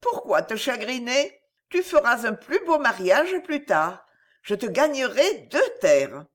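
A woman's voice: on the high side, very animated, takes it slowly, pitched above the performer's own voice, heavily acted. A woman reading a storybook and voicing a young courtesan, tender, scheming and coaxing. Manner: coaxing, affectionate.

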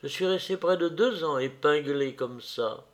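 A man's voice: fairly high pitch, a little slow, natural voice. A man reading as a curious shy young woman.

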